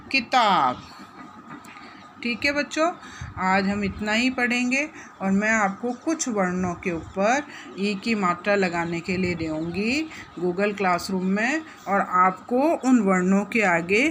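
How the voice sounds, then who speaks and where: A woman teaching a phonics lesson to young children, gently repeating and drawing out syllables and asking the class questions. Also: medium pitch, a little hiss or hum. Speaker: primary school teacher.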